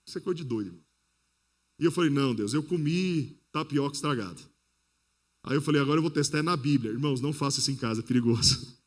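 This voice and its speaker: A Brazilian pastor gives a lively sermon. He speaks straight to his congregation and acts out the people in his stories. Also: mid-range voice, fast. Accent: Brazilian Portuguese. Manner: lively preaching that addresses the congregation directly; storytelling that acts out the people it quotes.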